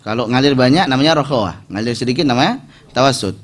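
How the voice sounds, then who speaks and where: An Indonesian man teaching Quran recitation, modeling each word slowly and then correcting and explaining. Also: mid-range voice, expressive, background noise. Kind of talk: step-by-step recitation lesson.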